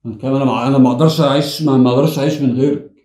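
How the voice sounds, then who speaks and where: A man's voice: mid-range voice, steady tone, very fast, dark tone, reverberant. A man with an Egyptian Arabic accent, pleading with his wife in a prank vlog, swearing oaths and stumbling over his words. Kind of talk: emotional pleading, then casual joking.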